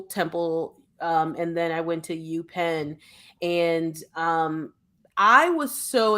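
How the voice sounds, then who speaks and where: A woman from Philadelphia talks casually as a podcast co-host. She is animated and digressive, restarting her sentences often as she works through her thoughts. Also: medium pitch. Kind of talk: casual conversation.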